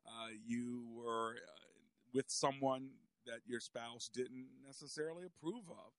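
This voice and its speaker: A man hosting a radio talk show, speaking in a halting monologue with rhetorical questions and repetition. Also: mid-range voice, clear, resonant tone, dry recording.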